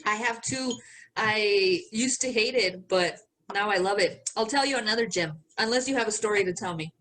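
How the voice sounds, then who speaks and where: A young adult woman co-hosts a podcast, telling stories in casual, laid-back chat while cussing freely and calling her friend "bro" a lot. Her mid-range voice has a fairly bright tone at normal speed, captured in a rough recording.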